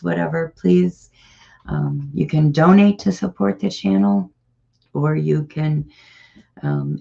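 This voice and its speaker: A local show host with an American accent and a heavily creaky smoker's rasp chats through community announcements. The delivery is informal, rambling and encouraging, at a middling pitch. The recording is dull and muffled. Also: mellow. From Ohio, United States. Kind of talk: casual community announcements monologue.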